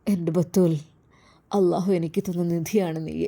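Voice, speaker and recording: A woman voicing a gentle, sorrowful male religious teacher in a lowered, soft voice. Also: fairly even intonation, moderate pace. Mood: tender.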